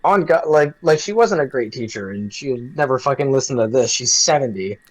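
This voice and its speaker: A man's voice: mid-range voice, lively intonation, a little fast, poor audio. A young adult man co-hosting a casual podcast chat, telling a rambling story with lots of swearing and restarts. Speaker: podcast co-host.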